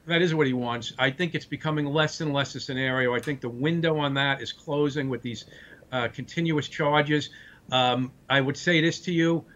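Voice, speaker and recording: A man's voice: medium pitch, steady tone, normal speed, a bit bright, lo-fi sound. A man from Brooklyn with a Brooklyn accent gives blunt, straight-shooting political commentary as an interview guest. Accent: Brooklyn, New York. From Brooklyn, New York.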